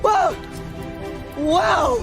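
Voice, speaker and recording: A man with an Indonesian accent giving excited, exclamatory esports commentary as a co-caster, dropping English phrases into his talk. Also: extremely high pitch, extremely slow. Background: music.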